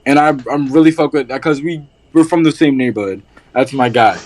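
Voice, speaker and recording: A man's voice: mid-range voice, a little fast, a little mellow, rough recording. A man hosting a casual podcast, loose and profane, rambling with lots of fillers. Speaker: podcast host.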